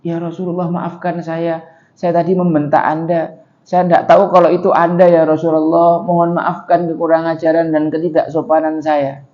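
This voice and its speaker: A preacher voicing a grieving, distraught mother who snaps and pleads in a higher voice. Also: flat delivery, moderate pace, dull audio, natural voice. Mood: pleading. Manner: shrill snapping, then pleading.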